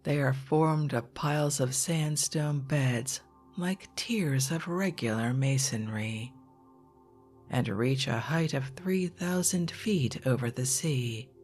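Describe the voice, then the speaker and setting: A narrator reading an old descriptive text in a soft, hushed, partly whispered ASMR style, measured and calming. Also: mid-range voice, faint music behind. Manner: slow, measured, calming delivery. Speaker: narrator, reader. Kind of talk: ASMR quiet reading of an old geology book, scripted narration.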